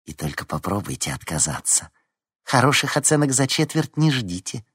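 A man's voice: mid-range voice, sing-song, moderate pace, fairly bright tone, breathy edge, no echo, clean studio sound, pitched above the performer's own voice. A man voicing a stern, imperious woman deputy head teacher who speaks with menacing sarcasm, in a storybook reading. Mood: menacing sarcastic.

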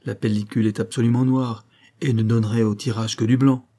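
A man voicing a calm, methodical male police detective in an audiobook, with a measured, explanatory delivery. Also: mid-range voice, natural voice. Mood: explaining. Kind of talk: audiobook character reading.

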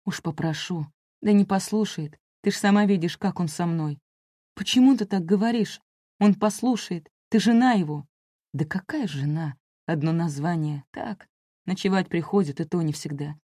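A woman voicing a weary, resigned middle-aged mother who speaks softly and plaintively. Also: fairly low pitch, moderate pace, no echo, studio quality, lightly acted.

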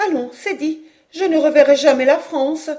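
A woman's voice: high voice, sing-song, normal speed, a little mellow, pitched above the performer's own voice. A woman reading an audiobook voices a frightened mother, her speech anxious, pleading and trembling. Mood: despairing. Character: frightened middle-aged mother, despairing.

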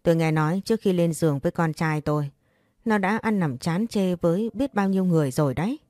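Storybook role: a loud, sneering, vindictive mother, voiced by a woman narrator, low warm tone. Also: fast, no echo, close to an everyday voice. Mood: scornful. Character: scornful vindictive middle-aged mother.

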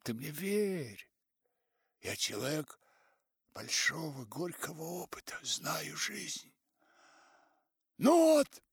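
A man voicing a self-righteous older male writer who lectures and shouts, loud and insistent, dragging his words out. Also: on the high side, very animated, creaky, husky, dry recording, studio quality, pitched above the performer's own voice, heavily acted. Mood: indignant shouting. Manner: loud, preachy, slow and insistent.

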